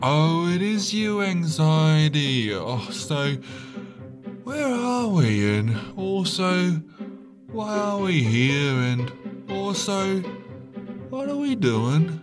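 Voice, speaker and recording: A man's voice: on the high side, big pitch swings, very slow, over music, heavily acted. A man doing Confusion, a baffled questioning emotion. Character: muddled male emotion of confusion.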